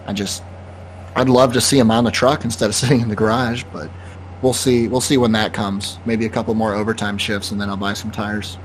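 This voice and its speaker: Laid-back male co-host with a lowish voice who rambles through casual chat, faint noise behind. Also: brisk. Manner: rambling, relaxed, with restarts. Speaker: podcast co-host.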